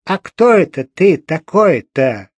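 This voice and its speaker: A man voicing a gaunt, hostile old churchgoing woman with a creaky, grating voice and rustic old-fashioned speech. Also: fairly high pitch, very animated, slow pace, dry recording, heavily acted. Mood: suspicious.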